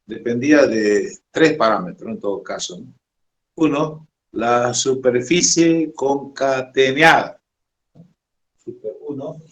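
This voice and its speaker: A man teaching a class at a slow, unhurried pace, pausing often and tacking little tag questions onto nearly every phrase. His voice sits at an ordinary middle pitch. It rings around a reverberant room. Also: a bit bright. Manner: slow, halting, keeps adding "decimos, ¿no?". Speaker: electronics teacher. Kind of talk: classroom lecture. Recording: echoey room.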